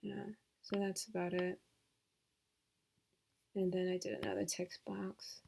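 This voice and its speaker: Gravelly-voiced woman thinking aloud. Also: lowish voice, level tone, measured pace, mellow, slight background noise. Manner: casual, hesitant, thinking aloud with many fillers. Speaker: software tutorial host. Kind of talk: screen-recorded tutorial.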